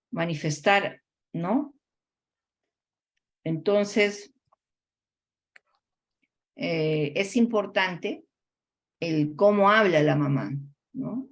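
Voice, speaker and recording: Low-voiced Peruvian woman lecturing. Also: drawn-out words, vocal fry, pauses often. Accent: Peruvian Spanish. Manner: explanatory, tags sentences with a questioning "no?"; frequent hesitation fillers. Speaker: college lecturer. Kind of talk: lecture on child language development.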